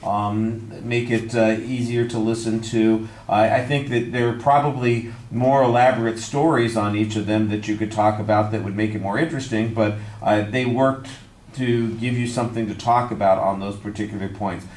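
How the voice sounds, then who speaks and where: A man, a speech instructor, giving measured, constructive feedback on a student's speech with frequent fillers. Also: on the low side, fairly even intonation, darkish tone, reverberant, a little hiss or hum. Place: classroom.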